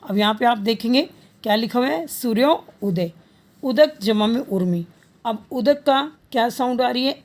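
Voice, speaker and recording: A woman's voice: a little high, darkish tone. A woman teaching a grammar lesson, patiently working through examples and repeating each answer as a question.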